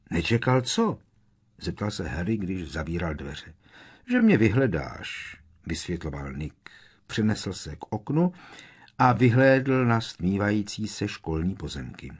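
A man reading an audiobook with expressive storytelling. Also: low-pitched, slightly rough. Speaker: audiobook narrator. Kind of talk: scripted narration.

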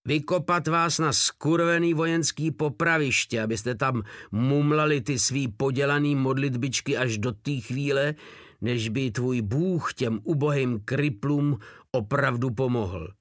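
A man's voice: medium pitch, a bit bright, no room sound, clean studio sound, voice pushed up, natural voice. A man voicing a furious, cursing male soldier in an audiobook war story. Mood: raging. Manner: raging, cursing.

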